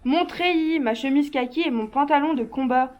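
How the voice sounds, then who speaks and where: Brief: a woman as a cold, insistent young male fugitive, high voice, slightly dull stage recording. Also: moderate pace, lightly acted. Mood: demanding. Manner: insistent, commanding then coaxing. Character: young male escaped killer, stubborn and cold. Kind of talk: stage play reading.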